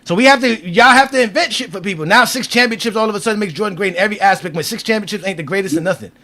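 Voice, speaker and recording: Man in his 40s, show host, rapid insistent debater with a high voice. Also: sharp tone. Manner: insistent, argumentative, repeats points. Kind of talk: heated debate.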